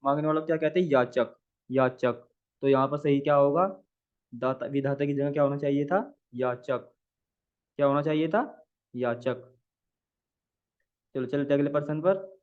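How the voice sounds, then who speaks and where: A man teaching an exam practice lesson in a somewhat high voice. He asks each question aloud, answers it himself and repeats the answer again and again. The sound is thin and tinny, like a phone line. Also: normal speed, long pauses, clean tone. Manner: asks the viewer questions, then answers them. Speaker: Hindi exam tutor.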